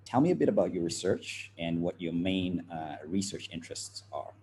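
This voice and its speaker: A man's voice: low voice, sing-song, normal speed, darkish tone, slight background noise. A young man from Zimbabwe, a student interviewing a professor, speaking hesitantly with many fillers.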